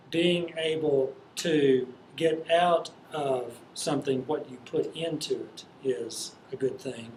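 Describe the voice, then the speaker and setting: Halting male farmer in an echoey room. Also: fairly high pitch, darkish tone. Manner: halting, hesitant delivery. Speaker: farmer being interviewed. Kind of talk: unscripted explanatory interview talk. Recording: echoey room with faint noise.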